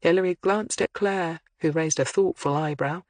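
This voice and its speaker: An audiobook narrator reading a mystery novel in a measured, even storytelling manner. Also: mid-range voice, dry recording.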